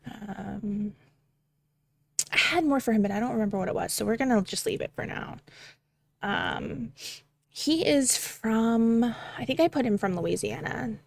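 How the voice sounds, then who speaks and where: A woman's voice: a little high, lively intonation, normal speed, creaky, no room sound. A young woman casually thinking aloud while she prepares a tabletop game, rambling with many fillers and casual swearing. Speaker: game master prepping a campaign.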